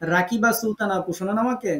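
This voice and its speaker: High-voiced man teaching Quran recitation. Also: sharp tone, echoey room. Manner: patient, repeats corrections, models pronunciation slowly. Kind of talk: online class correcting students.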